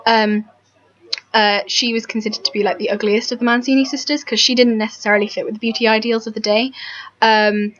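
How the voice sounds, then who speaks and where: A woman's voice: a little high, fairly even intonation, brisk, a bit bright. Chatty young-sounding woman, lo-fi. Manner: chatty, self-deprecating, lots of ums and restarts. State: tired, early morning. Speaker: history vlogger. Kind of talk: casual rambling talk to camera.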